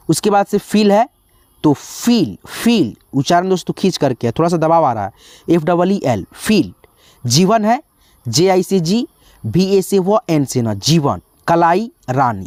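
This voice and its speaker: A teacher slowly spelling out words one letter at a time, often calling the listeners friends. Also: medium pitch, a little mellow, no room sound. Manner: slow, drawn-out spelling with frequent "dosto". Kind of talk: spelling lesson.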